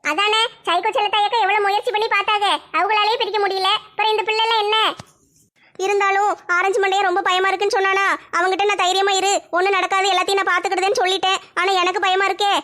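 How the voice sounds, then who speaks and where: A woman, acting out a comic family skit in fast, chatty banter. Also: very high-pitched, flat delivery, sharp tone.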